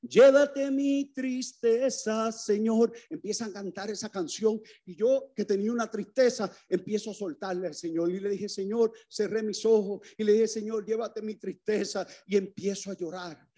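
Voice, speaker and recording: A man's voice: sits high, steady tone, normal speed, hardly any pauses, mellow. A man preaching his conversion testimony to a congregation, telling it dramatically and speaking straight to the listeners. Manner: dramatic storytelling, addresses the audience directly.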